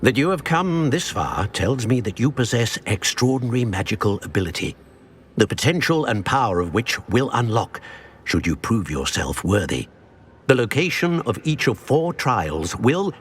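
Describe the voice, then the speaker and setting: An actor playing an ancient, solemn wizard in a video game, a wise mentor speaking in a measured, formal and grave manner. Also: male voice, on the low side, sing-song, slightly rough. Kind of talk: scripted game dialogue.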